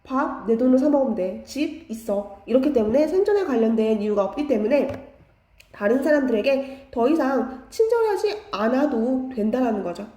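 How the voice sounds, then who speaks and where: A woman teaching an English grammar lesson, explaining slowly and restating each phrase in simpler words. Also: high voice, lively intonation, warm tone, roomy sound. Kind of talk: online grammar lecture.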